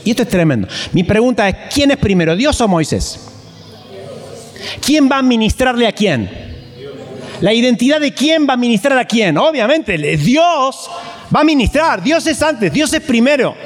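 A man's voice: very high-pitched, long reverb tail. A man preaching a sermon, asking emphatic rhetorical questions and reading scripture aloud.

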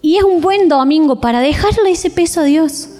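A woman with an Argentine accent preaching a sermon in church, animated and expressive, acting out everyday scenes. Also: high voice, moderate pace, soft background music. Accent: Rioplatense Argentine Spanish.

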